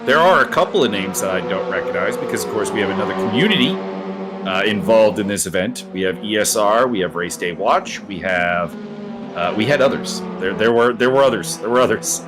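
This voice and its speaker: Music plays behind a man with a lowish, animated voice who talks briskly while commentating casually on a sim racing stream. He rambles and jokes with a co-host, completely unscripted.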